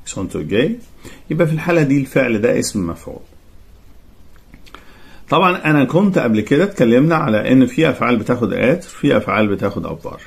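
Lively Egyptian man teaching French. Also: mid-range voice. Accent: Egyptian Arabic. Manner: reads French sentences slowly, then explains quickly in Arabic. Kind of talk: exam-prep grammar lesson.

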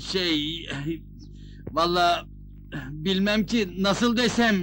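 An actor playing a flattering villager who coaxes and praises his leader. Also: sits high, extremely slow, a little hiss or hum, heavily acted. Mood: coaxing.

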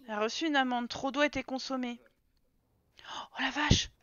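Chatty woman streamer, bright edge, muffled lo-fi stream sound, talks back to her game. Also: high-pitched, steady tone, normal speed, dry recording. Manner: chatty, exclaims and scolds her game characters. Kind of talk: casual let's-play commentary.

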